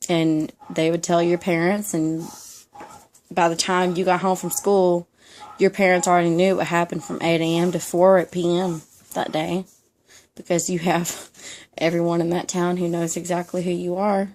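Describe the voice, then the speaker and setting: A woman's voice: lowish voice, level tone, moderate pace, darkish tone, a little hiss or hum. A young woman with a Southern American accent chatting casually to camera at home, rambling with many ums and laughing often. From Southern United States. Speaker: vlogger. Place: home room, dog nearby.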